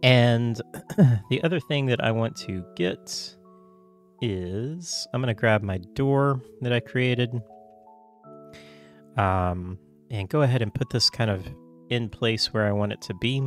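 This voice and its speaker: A man getting over a cold, coughing now and then, talking through a casual software tutorial in a loose, chatty way full of fillers and self-corrections. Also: medium pitch, a little slow, faint music behind. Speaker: tutorial host.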